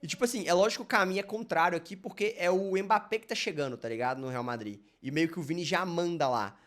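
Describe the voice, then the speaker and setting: A man's voice: sits high, quick pace, a bit bright. A Brazilian man reacting live to a video, talking casually in a rambling, slang-heavy way. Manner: slangy, rambling, loaded with fillers like "mano" and "velho".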